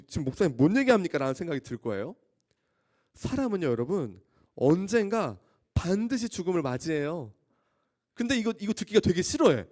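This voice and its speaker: Animated male youth pastor preaching. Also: on the high side. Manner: animated storytelling, often asking the audience questions; acts out scenes with loud exclamations. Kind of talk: sermon to high school students.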